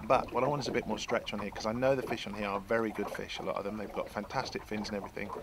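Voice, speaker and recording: A man in his sixties, a fishing guide, demonstrates his tackle setup from a small boat on a lake, explaining in a chatty way with many restarts. He speaks very fast in a low-leaning voice with a steady tone, while wind and water noise fill the outdoor recording.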